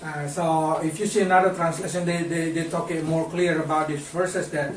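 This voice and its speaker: Slow-speaking preacher with halting English. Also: male voice, a little high, fairly even intonation. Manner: halting non-native English, repeats words. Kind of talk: sermon preached in English with interpreter. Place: church sanctuary. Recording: echoey church hall, distant mic.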